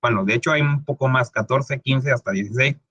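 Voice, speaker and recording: A man's voice: medium pitch, a little fast, fairly bright tone, husky, dry recording, dull audio. A man giving a casual English pronunciation lesson, often checking in with "¿ok?" and stretching out sounds to demonstrate them. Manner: conversational, often asks "¿ok?"; many fillers and restarts, stretches words to demonstrate sounds. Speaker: English teacher.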